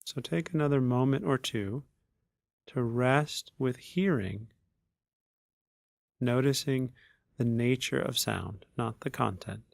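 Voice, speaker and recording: In a studio-quality, dry recording, a man with a mid-range voice and some vocal fry leads a guided meditation. As the teacher, he speaks slowly and deliberately, leaving long pauses between phrases.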